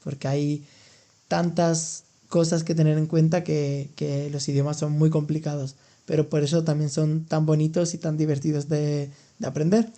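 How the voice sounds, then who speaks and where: Here a young Andalusian man, a podcast host who teaches languages, talks at normal speed in a mellow, slightly high voice that barely moves in pitch. The show is a casual educational chat in which he patiently breaks down expressions with examples.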